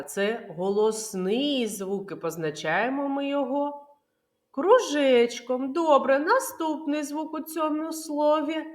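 A woman kindergarten teacher giving a literacy lesson to young children, explaining patiently and clearly with many questions. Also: sits high.

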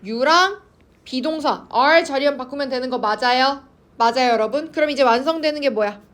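High-voiced woman teaching English grammar. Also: normal speed, fairly bright tone. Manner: coaxing, checks in constantly with students. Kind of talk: online class lecture to students.

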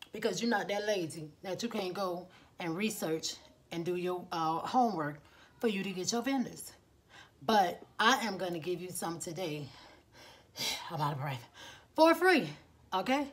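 Chatty woman vlogger, lively and casual. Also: mid-range voice, normal speed, husky. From Miami, USA. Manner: chatty and enthusiastic, addresses viewers as y'all. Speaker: esthetician and beauty business owner. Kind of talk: casual vlog talk to viewers.

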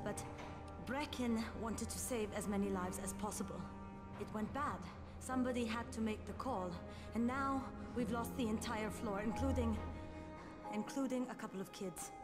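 Lady voicing terse tired survivor woman in a game, roomy echo, loud music under her. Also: fairly high pitch, close to an everyday voice. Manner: terse, grave. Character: stern, weary female survivor. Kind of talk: video game voice acting.

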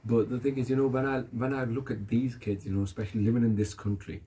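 Seated on a carpeted floor at a house gathering, an elder who first spoke Urdu offers earnest religious advice in casual conversation. His medium-pitched voice is level, quick and dark, and he keeps repeating himself and checking "you understand me?".

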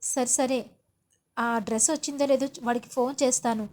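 A woman's voice: fairly high pitch, steady tone, moderate pace, darkish tone, close to an everyday voice. A woman voicing a sly, scheming middle-aged mother who coaxes and insists. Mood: fussing. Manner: coaxing, insistent.

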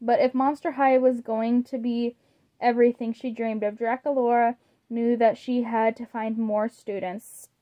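High-voiced woman reading a storybook slowly. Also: level tone, highs cut off. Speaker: storybook reader. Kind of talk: reading a children's book aloud.

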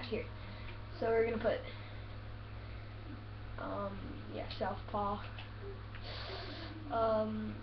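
A woman giving casual, halting gameplay commentary as the host of a gaming video, recorded indoors on a camera mic away from her mouth. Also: medium pitch. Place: indoor room, filming a game screen. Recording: distant, muffled, noisy echoey room recording.

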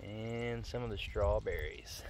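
This windy outdoor phone recording shows a farmer and vlogger giving a relaxed, matter-of-fact tour of his farm, a glove over the microphone against the wind. His lowish voice is unhurried and darkish in tone, and the audio quality is poor.

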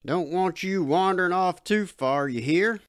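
A man reading the part of a gruff but proud middle-aged redneck father with a drawl. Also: sits high, measured pace, dry recording, studio quality. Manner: drawling dialect.

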